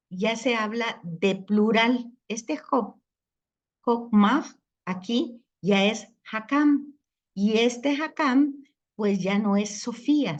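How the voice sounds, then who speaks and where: A woman's voice: mid-range voice, lo-fi sound. A woman teaching a theology class, explaining step by step and often asking "right?" to check that students follow. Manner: explanatory, repeats "¿verdad?" to check understanding; self-correcting, with restarts. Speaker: theology lecturer. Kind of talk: classroom lecture.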